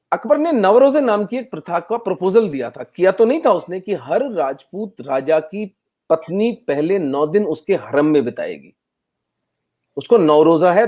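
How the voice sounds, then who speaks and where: A high-pitched male guest historian gives an impassioned interview answer, indignant and forceful, switching into English phrases as he speaks.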